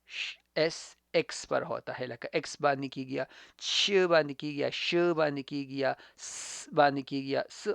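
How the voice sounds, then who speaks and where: A man gives a casual English grammar lesson. He speaks very slowly, with a gravelly, creaky voice, and repeats words over and over. The recording is dry and close, with no room sound. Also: mid-range voice, steady tone, no echo. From Khyber Pakhtunkhwa, Pakistan. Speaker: English teacher.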